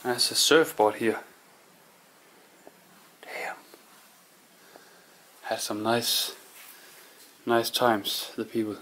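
Whispering slowly as he explores an abandoned house and barn, indoors and out, a Danish urban explorer offers a casual walkthrough, musing haltingly to himself. His medium-pitched voice is a bit bright with little pitch movement, and the audio quality is poor.

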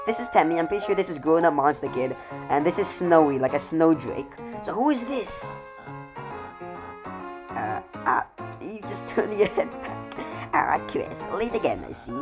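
A woman's voice: low-pitched, expressive, moderate pace, music in the background. A woman hosting a let's play, giving casual, slangy, jokey gaming commentary.

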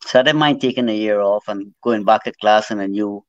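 A former jockey in middle age, Trinidadian but brought up in Guyana, rambles through a long, casual account of his life on a video call, repeating words often. His voice is lowish and fairly quick, the recording dry and the call audio a bit dull.

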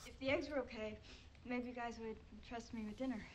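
Quiet film roommate played by a woman, a bit high, gentle. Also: fairly even intonation, a little fast, slight background noise, close to an everyday voice, low-quality recording. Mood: eager. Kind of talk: film dialogue.

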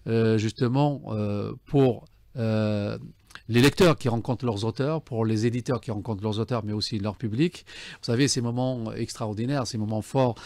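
A man, a guest in a studio radio interview, formal and enthusiastic, filling pauses with "euh" and "donc". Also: lowish voice, a little mellow, no echo. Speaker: guest, book fair commissioner. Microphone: studio desk mic.

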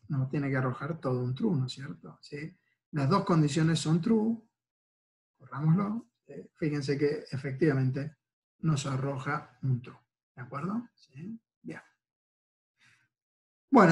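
A man with an Argentine Spanish accent, giving a recorded university lecture and explaining each step patiently, checking in with students after nearly every phrase. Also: on the high side.

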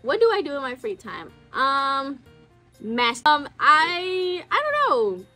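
A woman's voice: high-pitched, very animated, slow, bright, forceful tone, faint music behind. A woman in her twenties hosting a casual chat, reading messages aloud and commenting in an informal, slangy way. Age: 20s. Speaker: host reading viewer confessions.

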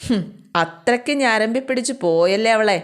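A woman's voice: fairly high pitch, normal speed, clean tone, lightly acted. A woman voicing a worried young man who pleads and presses with urgent, coaxing questions. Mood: indignant.

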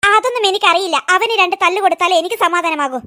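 A woman voicing a cross, vengeful middle-aged aunty in a cartoon, grumbling and scheming in a high voice pushed lower. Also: fast, sharp tone. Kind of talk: cartoon voice acting.

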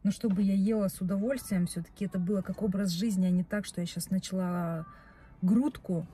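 With a warm, medium-pitched voice and fairly even intonation, a young adult woman speaks fairly quickly to a phone camera on her dashboard while parked. As a vlogger she chats, rambles and keeps correcting herself, and a little hiss or hum can be heard.

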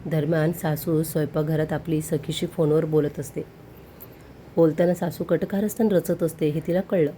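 A woman narrating a family drama story in a steady, plain storytelling manner. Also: low-pitched, moderate pace, slight background noise.

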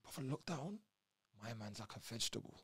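Man, animated storyteller, lively melody, dry booth sound. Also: mid-range voice, a little fast, slightly rough, no room sound. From Reading, England. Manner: animated, acts out other people's voices, street slang. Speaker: podcast guest. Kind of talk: casual storytelling.

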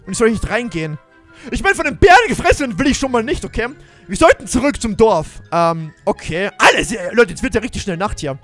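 A man's voice: high-pitched, very animated, brisk, a bit bright, faint music behind. A man giving jumpy, exclaiming commentary on a Minecraft role-play adventure, talking straight to his viewers. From Germany. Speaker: gaming YouTuber.

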